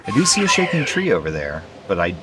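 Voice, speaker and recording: A male streamer chatting casually at home at night while playing a game, relaxed and rambling with many fillers. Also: deep voice, fast talker, music in the background. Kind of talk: casual gameplay commentary.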